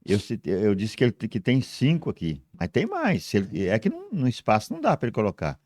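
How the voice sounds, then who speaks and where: A man's voice: on the low side, huge pitch swings, fast, a little mellow, dry recording, studio quality. A male pastor hosting a church talk show, explaining in a teacherly way with many hesitant restarts. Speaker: pastor and host. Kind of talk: preaching-style talk show chat.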